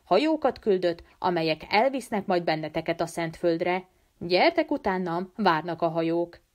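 A woman's voice: lowish voice, expressive, lightly acted. A woman reading a sly fake monk with a mock-sweet, preachy voice. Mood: mock-pious. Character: sly fake monk, falsely pious, man.

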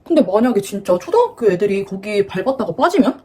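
A woman's voice: mid-range voice, sing-song, fast talker, noisy background. A woman in her twenties chatting through a story in a casual vlog. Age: 20s. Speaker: beauty vlogger.

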